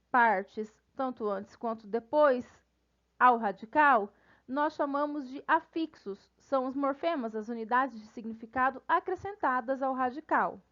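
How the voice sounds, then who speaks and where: A woman teacher with a Brazilian Portuguese accent giving a recorded grammar lesson, friendly with her students and spelling out syllables slowly. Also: sits high, dull audio. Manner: friendly, addresses students casually.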